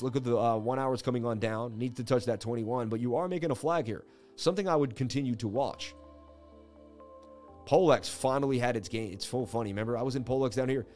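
On his crypto trading channel, a medium-pitched male host runs through laid-back market commentary while sharing his screen. His delivery is boastful and full of slang, with the same catchphrases coming back again and again.

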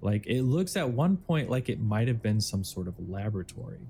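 A man runs a tabletop adventure as dungeon master, narrating casually with plenty of ums and likes. His voice sits a little low. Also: sing-song, brisk, mellow, a little hiss or hum.

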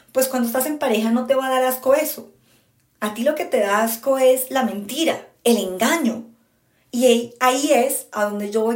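A woman's voice: fairly high pitch, a little mellow. A woman podcast host giving frank, emphatic relationship advice in a casual monologue, speaking straight to her listeners. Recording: echoey room.

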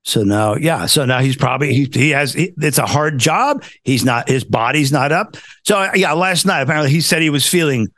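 A man's voice: on the high side, fairly quick, few pauses, fairly bright tone, no room sound. An American man hosting a talk show, giving casual political commentary in an exasperated, sarcastic, ranting way.

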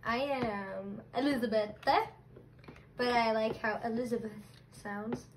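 A young Latvian woman co-hosting a chatty podcast, taking her time with each phrase. Her voice sits a little high, and she giggles through playful back-and-forth. A faint hiss runs under the recording. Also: steady tone, takes it slowly. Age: 20s. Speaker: podcast co-host. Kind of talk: casual chat.

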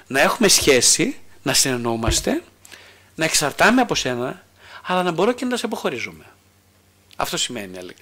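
Lively-voiced male psychotherapist explaining. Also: fairly high pitch. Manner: asks and answers his own rhetorical questions; hesitant restarts with drawn-out fillers.

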